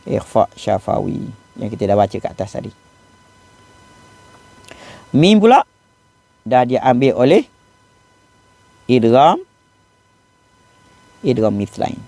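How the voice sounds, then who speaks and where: Malaysian guy teaching quran recitation, patient, slows way down on examples, mellow voice, dry close sound. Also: mid-range voice, very animated, vocal fry, no echo. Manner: patient and explanatory, slows down to model Arabic recitation. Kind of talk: classroom lesson on recitation rules.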